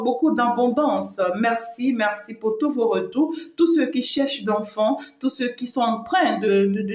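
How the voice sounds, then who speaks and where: A woman spiritual medium giving an emphatic, repetitive live-streamed talk, addressing her viewers fondly. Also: mid-range voice. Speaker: spiritual medium and channel host. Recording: roomy echo.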